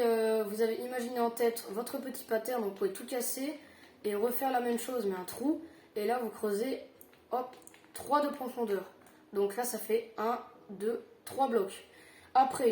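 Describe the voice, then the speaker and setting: Chatty woman with a high voice. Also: mellow, echoey room, a little hiss or hum. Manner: chatty, halting, many fillers and self-corrections. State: tired. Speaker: Minecraft tutorial youtuber. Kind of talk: casual gaming tutorial.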